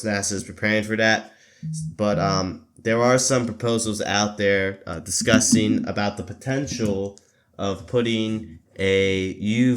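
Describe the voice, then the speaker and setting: A man with a stuffy voice from allergies hosting a casual solo podcast, rambling with lots of fillers, self-corrections and throat-clearing. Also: fairly low pitch. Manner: clears his throat often. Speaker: podcast host.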